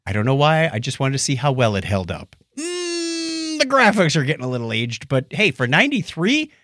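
Here the middle-aged host's pitch is fairly high and his pace fairly quick, recorded in a studio with no echo. On this casual co-hosted podcast he spins stories animatedly and playfully, voicing dialogue and humming.

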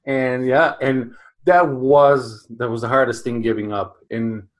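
Halting, friendly man in his forties. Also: medium pitch, fairly even intonation. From Canada. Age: 40s. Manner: halting, repeats words, friendly. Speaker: interviewer. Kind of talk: conversational interview.

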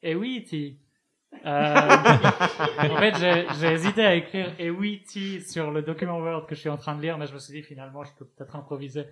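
Male columnist, fairly high voice, ironic scripted comedy chronicle. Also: normal speed, sharp tone. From Spain. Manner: ironic, joking, reads with asides and laughs. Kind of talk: humorous radio chronicle read from a script. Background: other panelists laughing.

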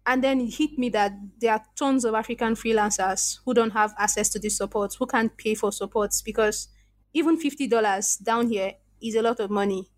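A Nigerian freelance copywriter, appearing as a podcast guest, speaks a little fast in a voice slightly higher than most. In this casual interview she tells her story earnestly and reflectively, often restarting sentences, and the recording is dry and close with no echo or room sound.

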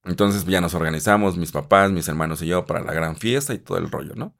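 A young man with a Mexican Spanish accent tells his life story in a chatty, animated way, acting out other people in a high voice. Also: fast talker, vocal fry. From Isthmus of Tehuantepec, Mexico. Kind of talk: personal storytelling. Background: guitar music.

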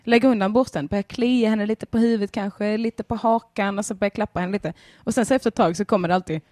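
A woman's voice: medium pitch, fairly even intonation, dark tone, dry recording, clean studio sound. A young woman from southern Sweden hosting a casual podcast chat, joking, swearing freely and laughing often. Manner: giggly, swears freely, jokey. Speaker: podcast host reading chat.

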